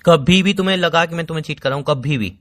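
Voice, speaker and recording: A man's voice: a little high, quick pace. A young man on a phone call, pleading and defending himself against his girlfriend with dramatic exaggeration. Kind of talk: heated couple phone call.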